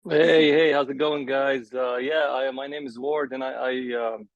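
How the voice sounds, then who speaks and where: A man's voice: mid-range voice, fairly even intonation, unhurried, no echo, dull audio. A man introducing himself on a video call as a trip organizer, in a casual, rambling way.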